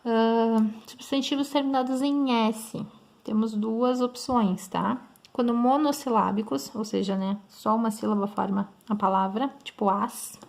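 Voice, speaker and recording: A woman's voice: fairly high pitch, fairly even intonation, unhurried, gravelly, darkish tone. A woman with a Brazilian Portuguese accent teaching grammar in an online lesson, explaining step by step and checking in often with her students.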